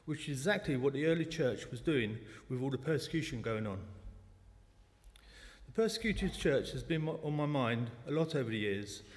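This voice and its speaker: A man's voice: mid-range voice, animated, normal speed. Man in his forties, echoing church hall. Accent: South London. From South London, England. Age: 40s. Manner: chatty, self-deprecating jokes. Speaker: lay speaker at a church service. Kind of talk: personal testimony talk. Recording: long church hall reverb.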